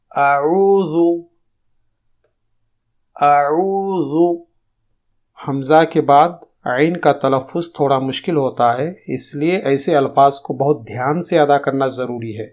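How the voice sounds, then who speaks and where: A man teaching pronunciation in a recorded lesson, explaining calmly and drawing out demonstration sounds slowly. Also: mid-range voice. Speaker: tajweed teacher.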